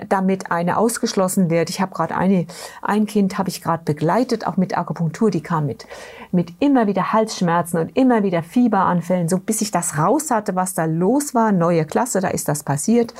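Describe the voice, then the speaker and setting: A woman's voice: on the low side, a little mellow, breathy edge. A middle-aged woman, a therapy practitioner, explaining her ideas through stories in an interview. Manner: explains with anecdotes, asks listener questions. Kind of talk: conversational storytelling in an interview.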